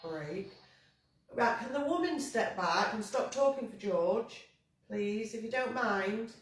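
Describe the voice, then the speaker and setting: Woman ghost hunter sweet-talking spirits, bit high, booming echo, far from mic. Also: unhurried, slight background noise. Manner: gentle coaxing, calls spirits sweetheart. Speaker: paranormal investigator. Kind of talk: ghost hunt calling out to spirits. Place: pub cellar. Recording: very echoey room from far off.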